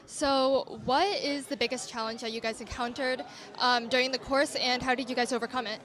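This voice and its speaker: Woman moderating, high voice, upbeat and polite. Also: steady tone, fairly quick, a bit bright. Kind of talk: hosting a presentation session.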